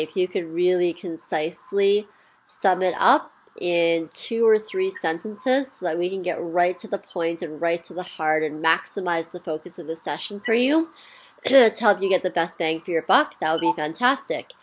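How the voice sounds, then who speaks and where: Woman mentor, lower voice, scratchy from a cold, chatty and practical, faint hiss behind. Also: moderate pace. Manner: chatty, practical, with fillers and throat clearing. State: getting over a cold, scratchy voice. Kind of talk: recorded mentorship session.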